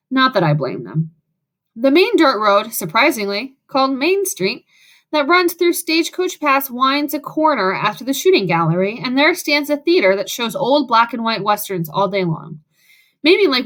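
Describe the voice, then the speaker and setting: A woman's voice: high voice, fairly bright tone. A woman reading a first-person audiobook in a wry, sarcastic way. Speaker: audiobook narrator.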